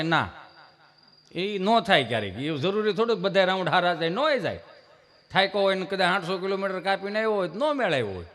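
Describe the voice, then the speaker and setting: A man's voice: high-pitched, a bit bright. A man with a Kathiyawadi Gujarati accent telling folksy comic stories at a live program at an ashram, acting out the dialogue himself. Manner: folksy, acts out dialogue in other voices. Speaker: stage comedian. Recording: reverberant live venue.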